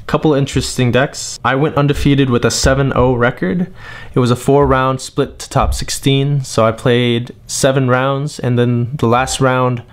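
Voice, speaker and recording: Young guy vlogging, annoyed rant, mid pitch, then rattles off a card list kinda flat. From New England, US. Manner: frustrated, complaining, then listing cards flatly. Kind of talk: monologue rant and tournament report.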